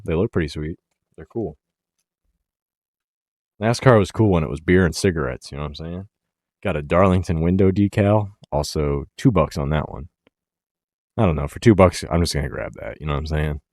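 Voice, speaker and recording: A man hosting a racing talk show, talking casually and with excitement, pushing hard on key words and then trailing off quietly. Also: low-pitched, no echo, studio quality. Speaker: racing podcast host.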